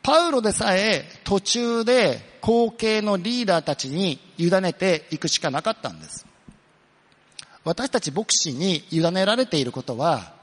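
This pastor's voice is high and slightly rough, echoing through a large hall. Earnestly delivering his sermon, he poses questions to the congregation, supplies the answers himself, and eases his pace for emphasis.

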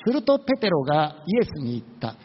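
A man's voice: a little high, sing-song, fast talker, husky. A man preaching a sermon in a casual, conversational way, asking the listeners questions and acting out the words of the people in his story. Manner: conversational, acts out quoted voices, rhetorical questions. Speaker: pastor. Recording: dull lo-fi recording with long hall reverb.

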